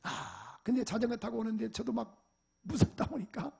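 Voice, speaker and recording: A man preaching as a church pastor, telling animated personal stories in a sermon. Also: very high voice, normal speed, gravelly, slightly rough. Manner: animated storytelling, acting out parents and shouting at a dog. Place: church sanctuary.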